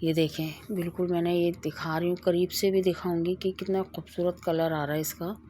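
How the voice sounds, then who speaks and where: A woman's voice: lowish voice, level tone, brisk, mellow. A middle-aged woman hosting a home cooking video, chatting as she demonstrates a recipe and tells a moral story along the way. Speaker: cooking channel host.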